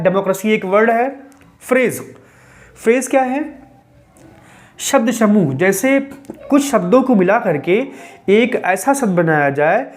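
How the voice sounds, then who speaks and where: A man teaching English grammar in a patient, step-by-step explanatory lecture, dropping English terms into his talk. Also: sits high.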